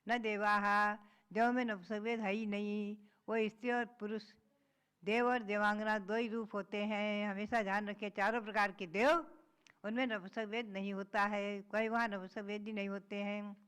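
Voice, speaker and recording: A woman's voice: medium pitch, level tone, moderate pace, a bit bright, smooth. A woman, a Jain nun, giving a patient religious discourse, reciting verses and then explaining them.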